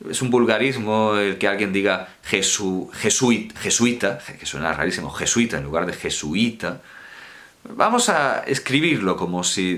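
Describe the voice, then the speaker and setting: A man's voice: low-pitched, a bit bright. A man giving an informal university lecture, digressive and colloquial, correcting himself and repeating key words.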